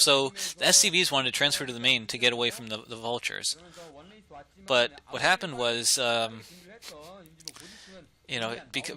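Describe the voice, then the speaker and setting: A man commentating a strategy video game, talking through the action casually and getting excited and laughing at big plays. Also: medium pitch, poor audio. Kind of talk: esports play-by-play commentary.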